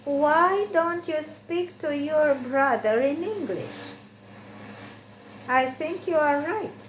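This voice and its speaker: Slowly and with deliberate phrasing, a high-voiced woman reads out English textbook exercises and responds to them; Romanian is her native language. Background hiss is faint, and the room adds noticeable echo.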